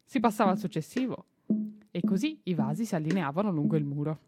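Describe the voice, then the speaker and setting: A woman reading a children's novel aloud on radio, expressive and unhurried, with small slips and self-corrections. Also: lowish voice, over music. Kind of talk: storybook reading. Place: radio studio.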